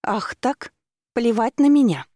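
A man voicing a spoiled, hysterical rich young woman who talks in a shrill, indignant way. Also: fairly quick, warm tone, no echo, studio quality.

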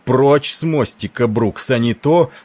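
Man doing a gruff pompous old admiral. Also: fairly low pitch, animated, normal speed, darkish tone. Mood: furious. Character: gruff imperious older male admiral.

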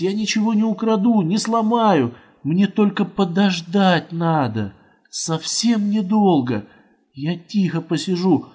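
A man's voice: high voice, a little mellow, husky, pitched above the performer's own voice, full character voice. A man voicing an eager, pleading schoolboy. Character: pleading, fast-talking schoolboy.

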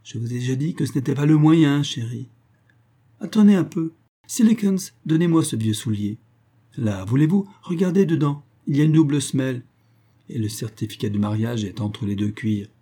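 A man's voice: fairly low pitch, moderate pace, warm tone, husky. A man reading an audiobook voices a greedy, spiteful old woman on her deathbed, wheedling and gasping. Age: older. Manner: wheedling, mercenary, cackling. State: dying, gasping out syllables.

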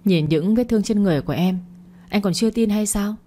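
A woman's voice: medium pitch, fast talker, mellow, lightly acted. A woman reading the part of a tearful, spoiled young woman in an audio story, with a complaining manner. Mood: tearful complaint.

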